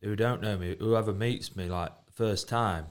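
Lowish-voiced man chatting. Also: fairly even intonation, a little slow, clean tone. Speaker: fighter being interviewed. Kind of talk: casual podcast chat.

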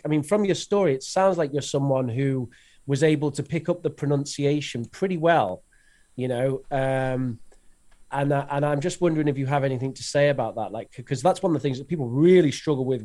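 A podcast co-host with a mellow, mid-range voice asks interview questions in a casual chat. His questions run long and meandering, hesitant and full of fillers and restarts.

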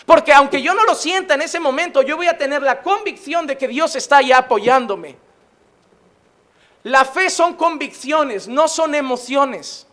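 A man delivers a sermon as a pastor. His voice sits very high and sounds bright and forceful. He drives his points with emphatic repetition and flashes of humor. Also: a little slow.

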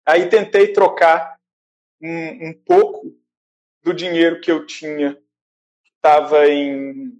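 High-voiced man telling a travel story. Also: takes it slowly, pauses often, muffled recording. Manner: animated, acts out quoted voices, laughs often. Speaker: traveler recounting his trip. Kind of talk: casual storytelling. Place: a small shared house, indoors.

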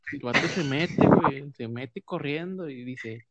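A Mexican man telling a story in casual chat, rambling with plenty of self-mockery. His voice sits at a middle pitch. The recording sounds dull and lo-fi. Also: measured pace, heavy background noise. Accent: Mexican Spanish.

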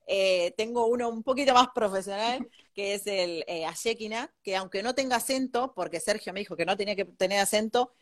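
A woman's voice: medium pitch, a little fast. A young woman with an Argentine accent, a guest architect chatting casually and rambling, laughing often. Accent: Argentine Spanish. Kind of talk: casual interview chat.

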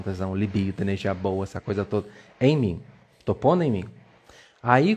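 A man's voice: fairly low pitch, a little mellow, husky. A man, giving a playful, coaxing motivational talk on a live stream and repeating words for emphasis. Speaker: live-stream self-esteem coach.

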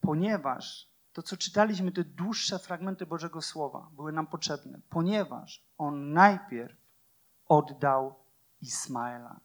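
A man preaching a sermon with passion, using repeated phrases and rhetorical questions, and swinging from loud declarations to hushed, quiet lines. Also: fairly high pitch, unhurried.

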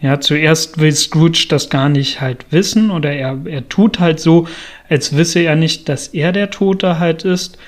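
A man giving a calm spoken analysis of a classic novel, explanatory and peppered with fillers. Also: a little high, a little slow. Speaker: literature explainer.

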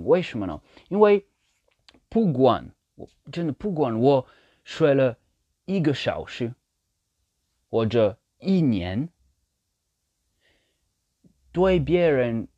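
Slow, halting man speaking Mandarin with foreign accent. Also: medium pitch, mellow, no room sound. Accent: foreign, non-native Mandarin. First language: not Mandarin. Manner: halting, searching for words, repeats phrases for emphasis. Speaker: language learner sharing his experience. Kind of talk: casual monologue in a learned language. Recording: dull, slightly lo-fi sound.

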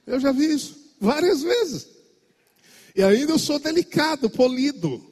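A man preaching a sermon as pastor with a Brazilian Portuguese accent, swinging between shouts and a sing-song preaching cadence. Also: very high-pitched, big pitch swings, unhurried. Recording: long hall reverb.

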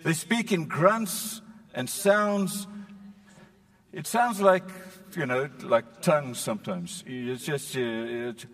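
Animated male preacher, slightly distant mic. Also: on the high side, takes it slowly, in a large hall. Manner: animated storytelling with playful asides. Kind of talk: sermon.

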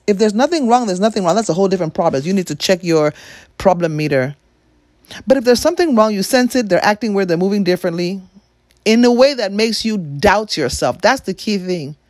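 A woman's voice: on the low side, a little mellow, no echo. A woman from Nigeria giving a blunt, emphatic opinion monologue with free swearing.

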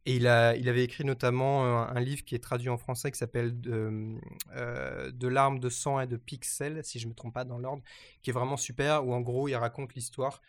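A man talks through the week's news in a relaxed, unscripted way. He hesitates often and circles back to restart his sentences. His pitch sits in the middle range. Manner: hesitant, many fillers and restarts. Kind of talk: casual news chat.

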